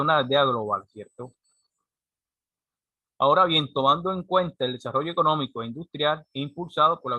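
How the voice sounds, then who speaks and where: A man's voice: fairly high pitch, bright, forceful tone, no echo. A man, giving a classroom lecture and often checking in with a rhetorical "right?". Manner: explanatory, frequent rhetorical "¿cierto?" checks. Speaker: teacher.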